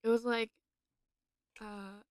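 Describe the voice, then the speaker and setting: A woman's voice: a little high, level tone, slow, darkish tone, no echo. Chatty young woman telling a story. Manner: chatty, many fillers and likes. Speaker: podcast co-host. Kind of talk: casual chat, storytelling.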